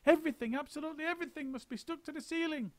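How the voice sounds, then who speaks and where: A man voicing a frantic, bossy male monkey father who shouts orders. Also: very high-pitched, a little fast, no room sound, pitched above the performer's own voice. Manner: shouting, excitable, commanding.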